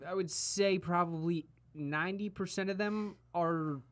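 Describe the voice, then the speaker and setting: A man's voice: high-pitched, steady tone, unhurried, fairly bright tone. A young man in casual podcast chat, teasing and questioning the others as he tells a story. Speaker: podcast co-host.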